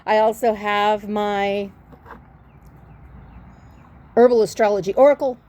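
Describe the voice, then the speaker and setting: A woman's voice: medium pitch, fairly even intonation, slow, a little mellow, a little hiss or hum. A woman giving a tarot reading in a casual, chatty livestream, affectionate and rambling as she sets up, speaking into a phone. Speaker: tarot reader.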